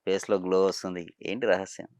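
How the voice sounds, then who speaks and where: A man's voice: sits low, little pitch movement, a little fast, very noisy. A man interviewing a guest, asking pointed questions and prompting him with short hums. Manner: probing, prompting, frequent agreeing hums. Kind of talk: casual interview.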